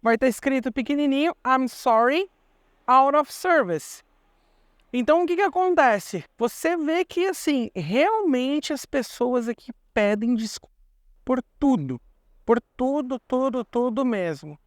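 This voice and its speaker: A man's voice: very high-pitched, expressive, normal speed, a little mellow, no room sound, studio quality. A young Brazilian man with a Brazilian Portuguese accent, explaining things in a chatty vlog and repeating words for emphasis. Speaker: vlogger.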